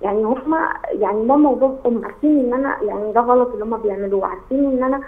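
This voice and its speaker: A young Egyptian woman calling in by phone, talking in a rushed, upset and halting way. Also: a little high. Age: young adult. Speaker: caller. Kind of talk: phone call to a live show. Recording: tinny phone line.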